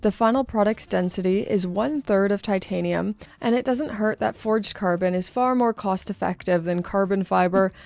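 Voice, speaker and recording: A young woman with a Canadian accent talks through a watch review in a chatty, upbeat way. She pokes fun at herself as she goes, in a casual host voice of middling pitch. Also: vocal fry, darkish tone. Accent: Canadian English. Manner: chatty, self-deprecating, upbeat.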